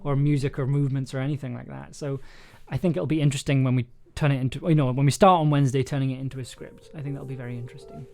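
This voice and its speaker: Rapid-fire with hardly any pauses, a streamer's warm, gravelly, mid-range voice holds a steady tone while casually musing and giggling through writing a story live. Music and keyboard typing play behind it.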